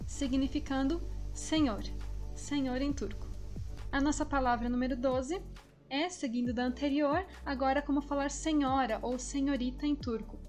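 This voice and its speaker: High-voiced woman teaching language. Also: a little mellow, faint music behind. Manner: explains steadily, then drills Turkish words slowly syllable by syllable. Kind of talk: language lesson.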